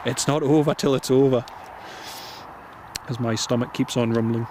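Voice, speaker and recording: A man's voice: mid-range voice, steady tone, moderate pace. A man from North East England with a Northumbrian accent hosts a casual live stream. His voice sits in a middle register and he talks to viewers in a friendly, chatty way, often saying things twice. There is faint outdoor vehicle noise behind him. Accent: Northumbrian, near Geordie. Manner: chatty, friendly, repeats phrases. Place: outdoors by an airport runway.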